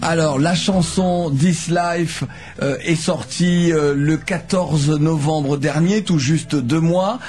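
A man's voice: fairly high pitch, slow, a little mellow. A man hosting a radio music interview, phrasing his questions with frequent hesitations. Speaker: radio host.

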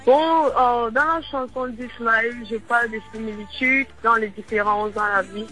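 Bright Cameroonian woman speaking halting French. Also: on the high side, soft background music, low-quality recording. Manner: halting, repetitive French with rephrasing. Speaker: guest singer. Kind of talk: radio interview answers.

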